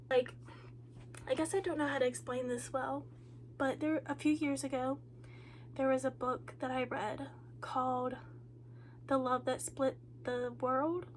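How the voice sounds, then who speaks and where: Sounding stuffy from a cold and worn out, a high-voiced woman chats casually in her booktube reading update, low on energy. She rambles along with plenty of ums and likes. A little hiss or hum runs through the clip.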